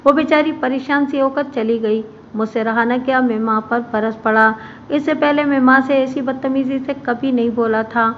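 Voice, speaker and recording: A woman reading a crime story aloud in a steady, even storytelling manner. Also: high-pitched, moderate pace. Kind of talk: scripted narration of a crime story. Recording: muffled with faint background hiss.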